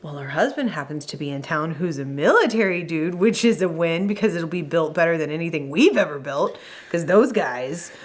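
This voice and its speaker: A woman in her thirties co-hosting a farm show, telling a story in a chatty way, with laughter and quick asides. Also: deep voice, animated. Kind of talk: casual storytelling chat.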